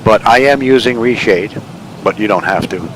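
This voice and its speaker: A man with a lowish voice talks casually through a simulated flight as its pilot. Clear engine and cockpit noise runs behind his commentary. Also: normal speed, rough recording.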